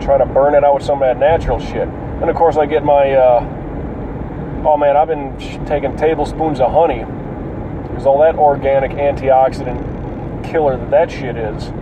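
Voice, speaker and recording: A man congested with a cold, his voice cracking and wavering in tone, rambling casually and profanely as a solo podcast host, halting and clearing his throat. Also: mid-range voice, fairly even intonation. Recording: dull, distant mic, loud vehicle noise.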